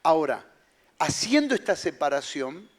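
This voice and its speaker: A man's voice: on the high side, big pitch swings, moderate pace. A man preaching a sermon as pastor, emphatic and repeating his key phrases.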